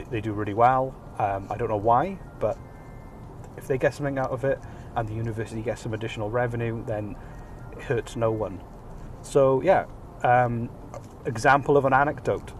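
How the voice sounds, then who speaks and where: A man's voice: medium pitch, darkish tone, a little hiss or hum. A Welsh man in his thirties hosts a casual, jokey podcast with many ums, recorded on a hands-free kit while he drives his car. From Wales. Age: 30s. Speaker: podcast host. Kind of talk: casual self-deprecating monologue. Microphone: phone hands-free kit.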